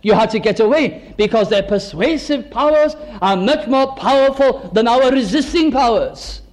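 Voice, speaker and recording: An older man preaching a sermon earnestly, slowing down to stress key phrases. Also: extremely high pitch, lively intonation, poor audio.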